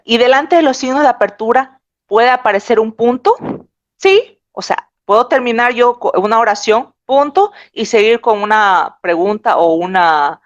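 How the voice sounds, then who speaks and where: A woman's voice: mid-range voice, dry recording. Woman teaching grammar online, keeps hammering the rules, dull lo-fi mic, dry. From Bolivia. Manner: insistent, repeats rules emphatically. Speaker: lecturer on spelling. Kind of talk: online lecture.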